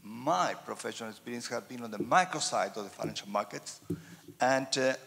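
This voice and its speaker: A man from Chile, an audience member asking a long, halting question full of fillers in a large hall. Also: mid-range voice, vocal fry, fairly bright tone. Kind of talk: audience question at a panel event. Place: large wood-panelled hall. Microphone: roving handheld mic.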